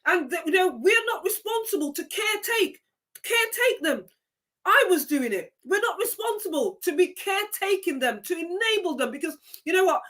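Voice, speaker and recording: Female live-stream host, Jamaican accent, high and bright voice, preachy and emphatic, repeats her points. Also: big pitch swings, moderate pace. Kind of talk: motivational live-stream talk.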